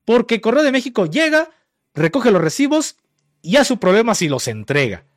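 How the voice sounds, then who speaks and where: A brusque middle-aged woman behind a service counter, scolding loudly in a high voice, as a man puts her on. She has a Mexican accent and talks over you with blunt impatience. The sound is dry and close. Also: big pitch swings, moderate pace, no room sound. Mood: shrill scolding. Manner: shouting, scolding. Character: shrill, brusque middle-aged female utility clerk.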